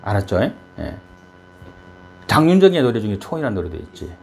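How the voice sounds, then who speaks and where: A man preaching a sermon in an animated way, jumping from loud high bursts to low murmurs and quizzing the congregation. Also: brisk, creaky, faint music behind. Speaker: pastor.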